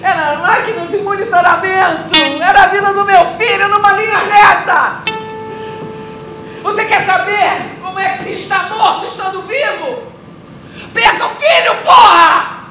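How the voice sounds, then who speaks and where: A woman's voice: very high-pitched, fairly even intonation, normal speed, slight background noise, exaggerated voice. A grieving mother on stage. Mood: desperate. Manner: intense, pleading, breaking into shouts. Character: grieving mother who lost her son. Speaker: stage actress. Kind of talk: theatre monologue. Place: theatre stage. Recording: echoey theatre with loud music.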